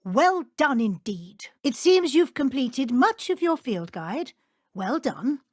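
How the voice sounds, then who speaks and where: Professor Matilda Weasley, high-voiced formal schoolmistress. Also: female voice, very animated, no echo, studio quality, heavily acted. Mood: proud, measured. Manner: formal, measured, crisp schoolteacher diction. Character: stern but caring woman professor at a wizard school. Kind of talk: scripted video game character dialogue.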